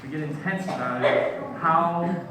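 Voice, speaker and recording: A man's voice: a little high, measured pace, noisy background. A male pastor giving a sermon, emphatic and conversational, sometimes acting out quoted speech. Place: church sanctuary. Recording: echoey church, mic far off.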